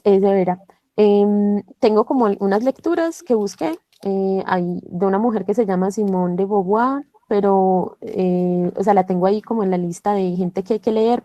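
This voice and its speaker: A woman's voice: mid-range voice, dark tone, dry recording. A woman, hesitantly leading a club reading over a video call, with many fillers. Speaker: book club member leading a shared reading. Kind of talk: casual online reading club talk with read-aloud passages.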